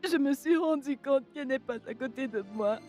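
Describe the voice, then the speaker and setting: A woman's voice: lowish voice, moderate pace, warm tone, faint music behind, lightly acted. An actress playing a young woman who is grieving her mother, speaking in a tearful, pleading way in a French-dubbed film. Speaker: daughter.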